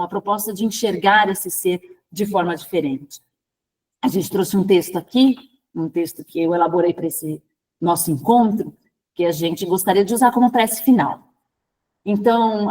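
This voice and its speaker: A woman's voice: medium pitch, a little mellow, low-quality recording. A Brazilian woman presenting at a spiritist center, speaking conversationally with frequent tag questions and restarts. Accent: Brazilian Portuguese. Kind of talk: online training talk.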